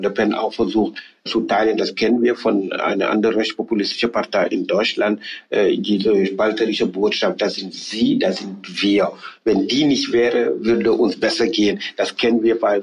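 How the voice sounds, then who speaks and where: Husky-voiced man, halting speech. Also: on the low side, rough recording. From Senegal. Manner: halting, with frequent hesitations and restarts. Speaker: member of parliament interviewed as guest. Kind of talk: political interview.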